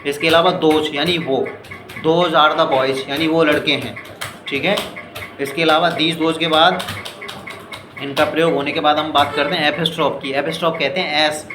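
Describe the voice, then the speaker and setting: A man's voice: a little high, steady tone. An Indian man teaching spoken English in Hindi, explaining step by step and often asking whether his students understood. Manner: explains slowly, asks "clear?" and "ठीक है" often; reads English examples very slowly and deliberately. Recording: echoey room with noisy background.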